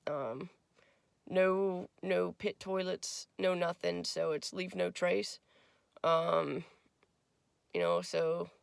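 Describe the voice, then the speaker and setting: A raspy-voiced woman who just woke up, chatting casually to her camera from her car at a forest campsite. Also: lowish voice, no echo. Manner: rambling, filler-heavy, chatty. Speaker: travel vlogger. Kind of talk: casual vlog chat.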